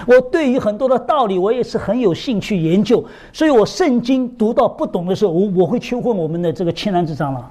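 Animated middle-aged male preacher. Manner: animated storytelling, swinging from low asides to high emphatic questions; often asks the congregation rhetorical questions. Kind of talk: sermon.

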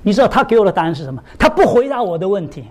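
A middle-aged man delivers a sermon in an animated storytelling manner. His voice leaps high for emphasis and drops low for asides, and he keeps turning to the congregation with rhetorical questions. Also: rapid-fire. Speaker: preacher.

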